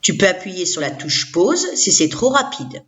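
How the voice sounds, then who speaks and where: A woman's voice: on the low side, sing-song, unhurried, a bit bright. A woman teacher giving a recorded reading lesson to young children, sounding out syllables one by one and having the listener repeat them.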